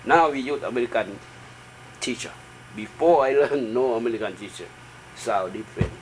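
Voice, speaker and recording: A middle-aged man from Thailand with a Thai accent answers interview questions in halting, simple English with short broken phrases, as a native Thai speaker. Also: medium pitch. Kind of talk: informal oral history interview. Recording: noisy room with steady background hum.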